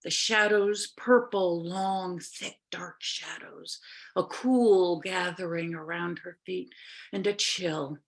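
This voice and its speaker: A woman telling a fairy tale live, expressive and unhurried, lingering on images with drawn-out pauses, heard over a video call. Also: on the low side. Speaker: storyteller. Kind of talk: live oral storytelling.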